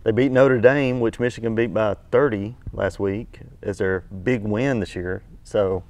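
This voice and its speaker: A man's voice: on the low side, steady tone, a little slow, darkish tone, no room sound. A man on a sports talk panel, skeptical and matter-of-fact.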